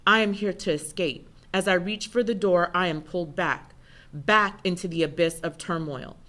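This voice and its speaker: A woman giving an intense, measured first-person spoken word performance. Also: on the low side, fairly bright tone.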